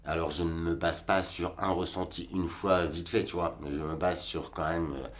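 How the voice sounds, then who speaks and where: A man's voice: deep voice, steady tone, normal speed. A man in his forties giving a rambling, colloquial monologue, talking straight to the viewer about life. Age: 40s. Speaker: vlogger. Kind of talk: casual reflective monologue.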